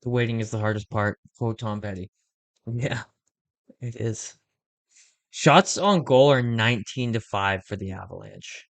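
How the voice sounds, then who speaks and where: A man's voice: on the low side, a little slow, creaky, no echo. Casual young man calling hockey plays. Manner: conversational, reacts excitedly to plays, uses fillers like "like". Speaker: host of a fan watch-along stream. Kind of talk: casual live play-by-play and chat.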